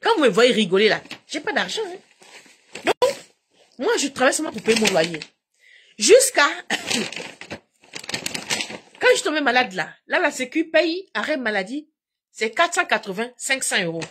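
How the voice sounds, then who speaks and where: This woman's high voice carries over a noisy background as she chats casually with her live audience. She speaks at a moderate pace with long pauses, addressing viewers directly and telling stories animatedly and repetitively.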